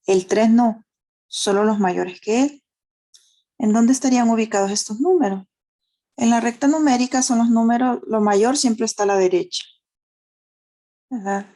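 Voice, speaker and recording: Honduran spanish lady teaching a math class online, calm mellow tone, keeps asking "right?". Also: on the high side, normal speed, long pauses. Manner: patient, explanatory, frequent tag questions; uses diminutives.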